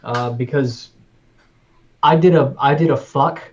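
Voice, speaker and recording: A man's voice: mid-range voice, measured pace, a little mellow. A man who edits comics, talking casually on a livestream call and explaining a production delay matter-of-factly. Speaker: comic editor and production manager. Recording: dull lo-fi call audio.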